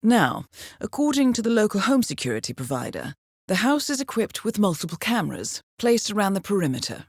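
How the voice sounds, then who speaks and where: The actress here plays a handler in a video game, briefing an assassin in a coolly professional, composed, formal way marked by dry understatement. Her medium-pitched voice is very animated and a little fast, with the mood of a calm briefing, recorded dry.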